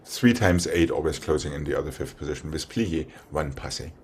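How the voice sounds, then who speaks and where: A man teaching a ballet class, calling out short cues and counting exercises in a steady rhythm. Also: extremely low pitch, a little fast, slight background noise. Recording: piano music playing in the room. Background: piano accompaniment.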